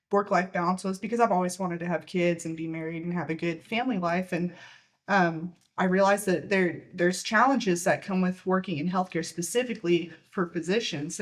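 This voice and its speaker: A young woman co-hosting a casual podcast, a little out of breath, chatting with frequent restarts and laughs. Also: on the low side. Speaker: podcast co-host.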